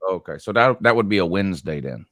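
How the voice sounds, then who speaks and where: A man's voice: low-pitched, animated, quick pace, fairly bright tone, no echo. A man chatting casually as a guest on a video call, joking while making plans. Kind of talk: casual chat.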